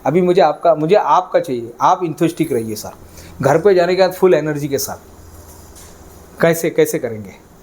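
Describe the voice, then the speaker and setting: A man's voice: on the high side, lively intonation, normal speed, a little mellow. A man leading a live sales training session, coaxing the audience with energy and getting them to chant lines.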